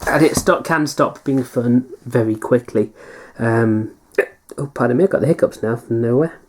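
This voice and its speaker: A woman's voice: a bass voice, normal speed, darkish tone, slight background noise. A woman chatting casually as a hobby vlogger, answering viewer questions in a hesitant, self-deprecating way. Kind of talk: casual Q&A chat.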